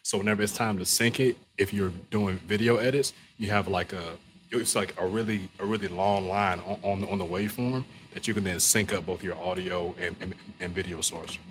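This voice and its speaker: Low-voiced man explaining, faint noise behind. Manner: halting, repeats words, checks with "right?". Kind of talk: casual technical explanation.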